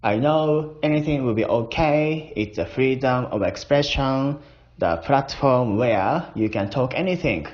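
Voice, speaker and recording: On a dull lo-fi recording, a drunk Japanese-accented man keeps a casual voice diary as a language learner. His medium-pitched voice is animated and a bit mellow, and he talks slowly and deliberately, playful and chuckling.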